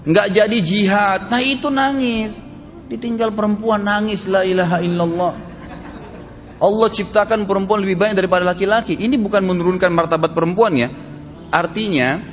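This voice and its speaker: A man preaching an Islamic sermon, forceful and emphatic, often asking rhetorical questions. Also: sits high. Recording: hall reverb with faint music behind.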